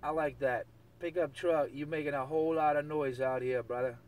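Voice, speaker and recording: Heard through a distant CB radio with outdoor vehicle noise, this man has a somewhat high, slightly mellow voice that stays steady at a moderate pace. He's an operator chanting slangy catchphrases over and over in loose banter.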